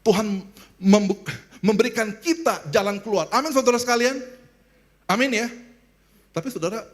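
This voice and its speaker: A male pastor preaching a sermon in a church, animated, asking the congregation questions and leading call-and-response. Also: high voice, normal speed. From Indonesia.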